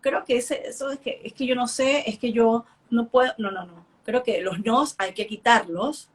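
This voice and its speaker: Fairly high-voiced woman co-hosting a podcast. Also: fairly even intonation, normal speed. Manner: supportive, finishes others' sentences. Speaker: podcast co-host. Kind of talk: casual podcast conversation.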